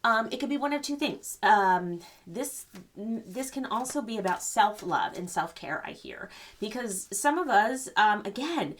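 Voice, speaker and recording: An older woman giving a gentle, rambling spiritual card reading, full of fillers and reassurance. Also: medium pitch, animated, unhurried, slight background noise. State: choked up. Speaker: psychic reader.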